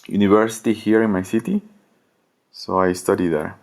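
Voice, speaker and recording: Fairly quick and lowish with vocal fry and fairly even intonation, the voice belongs to a thirty-something man from Ecuador guesting on a podcast. His English has an Ecuadorian Spanish accent, and he's hesitant, leaning on fillers while searching for words.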